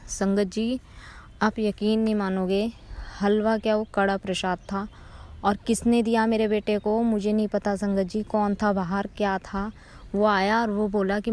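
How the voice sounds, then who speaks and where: A woman's voice: mid-range voice, darkish tone. A woman in her thirties telling a devotional testimony to a congregation, earnestly and often addressing her listeners directly. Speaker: devotee sharing a personal testimony.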